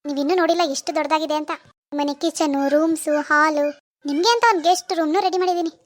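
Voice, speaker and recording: A woman voicing a boastful rich young woman who taunts and lectures her poorer sister in an animated cartoon. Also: high voice, fast, no room sound, close to an everyday voice. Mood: falsely sweet. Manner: taunting, scolding, preachy.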